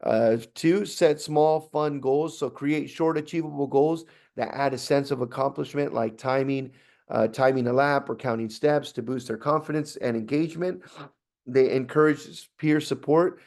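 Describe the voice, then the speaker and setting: A man's voice: mid-range voice, moderate pace, a little mellow. Chatty male trainer, full of restarts. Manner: conversational, with frequent fillers and restarts. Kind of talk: instructional talk to staff.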